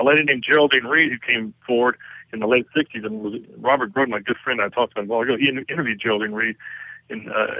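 A man's voice: medium pitch, sharp tone, no echo, low-quality recording. A man explaining his case conversationally as an interview guest, emphatic and insistent.

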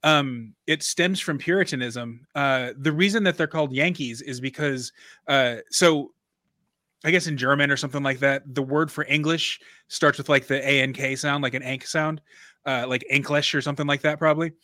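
Bright-voiced man chatting casually. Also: mid-range voice, fairly even intonation, moderate pace, dry recording, studio quality. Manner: rambling, self-correcting, chatty. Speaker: podcast co-host. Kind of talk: casual conversational podcast chat.

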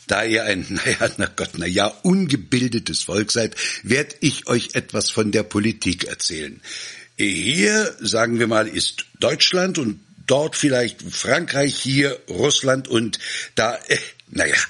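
Man voicing a boastful village guard, high-pitched, rambling, flustered, husky. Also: very animated, unhurried, bright, forceful tone, heavily acted. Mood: pompous. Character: boastful clumsy male village guard speechifying.

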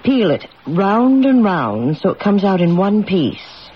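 An actress playing an assured, coaxing therapist and former fortune teller in a radio drama, with a dramatic, commanding delivery. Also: female voice, medium pitch, big pitch swings, takes it slowly. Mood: theatrical, knowing. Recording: dull, hissy radio recording.

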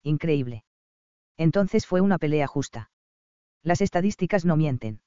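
A man's voice: fairly high pitch, expressive, unhurried, warm tone, clean tone, no room sound. A man voicing a frustrated, competitive young woman in a romance audiobook. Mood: curious. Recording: slightly dull, dry studio recording.

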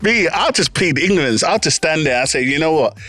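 A man's voice: fairly high pitch, expressive, brisk, pushed and bright. A man with a London roadman accent, debating casually and in slang as a podcast co-host.

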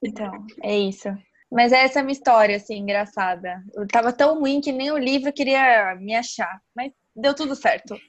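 A woman chatting casually on a podcast, telling an animated, slangy story. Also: on the high side, a little fast. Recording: slightly dull, muffled sound.

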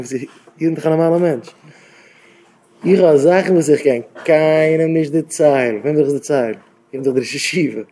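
Mellow-voiced man giving a rambling talk. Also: a little high, slight background noise. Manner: conversational, repetitive, with rhetorical questions. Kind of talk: informal Yiddish talk to young married men.

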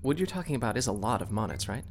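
A woman's voice: a bass voice, expressive, rapid-fire, a little mellow, slight background noise. An actress voicing a hesitant, rambling young male crew recruit in an audio drama.

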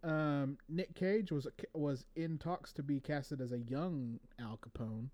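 A man co-hosting a casual podcast, reading movie trivia from his notes in a relaxed way with fillers. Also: a little high, takes it slowly. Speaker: podcast co-host.

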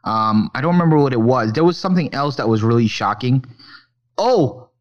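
A man in casual podcast chat about film who rambles, curses and restarts his sentences. His voice sits at a middle pitch. The recording is a bit dull and lo-fi. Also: animated, fairly quick. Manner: rambling, profane, lots of restarts. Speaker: podcast co-host.

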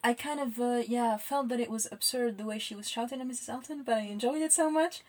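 A woman's voice: fairly high pitch, quick pace. A woman co-hosting a podcast in casual chat, blunt and opinionated, often laughing. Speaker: podcast co-host.

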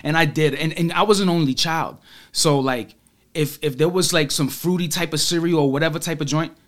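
A married man telling animated, slangy stories in a casual chat, laughing often. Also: a little high, a little fast. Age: adult, married.

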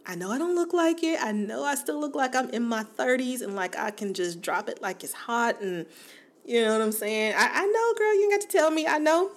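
A woman's voice: on the high side, expressive, a little fast. A woman in her forties hosting a podcast in a casual, chatty monologue, laughing often and talking straight to her listeners. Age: 40s. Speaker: podcast host.

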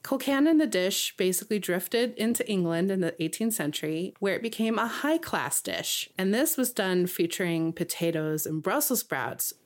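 A woman's voice: lowish voice, lively intonation, normal speed, few pauses. A woman co-hosting a podcast, narrating food history from a script with enthusiasm and lingering over ingredient lists. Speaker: podcast co-host.

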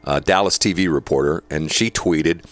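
A man's voice: extremely low pitch, normal speed, fairly bright tone, no room sound. A man hosting a talk show, reading news quotes aloud with chatty, opinionated asides and laughter between points. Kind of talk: casual talk radio commentary.

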